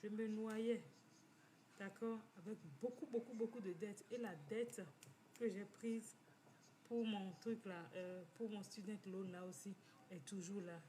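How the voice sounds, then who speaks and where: A woman with a mellow, warm tone tells her own story in a casual testimonial. She leans on repetition for emphasis and mixes English words into her talk, against a faint background hiss. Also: mid-range voice, fairly even intonation, unhurried. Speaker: host. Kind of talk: personal testimonial monologue.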